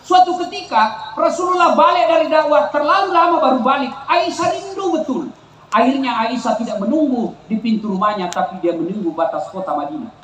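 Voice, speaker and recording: A man's voice: very high-pitched, lively intonation, fairly quick, fairly bright tone, echoey room, slight background noise, poor audio. A man with a Makassar Indonesian accent preaching a humorous sermon to a crowd, telling comic stories and teasing the audience. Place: outdoor town square gathering.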